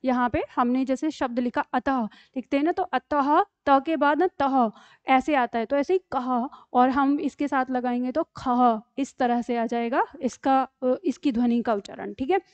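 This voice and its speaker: A woman with a high voice teaches an online grammar lesson. She explains patiently and keeps checking in with her students. The recording is dry and a little dull. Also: a little slow, dry recording. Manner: explanatory, checks in with repeated "ठीक है".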